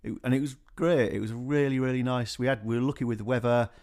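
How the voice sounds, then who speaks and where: A man speaking as a guest in a radio interview, talking about his music organisation in a relaxed, rambling way with many fillers. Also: medium pitch, fast talker.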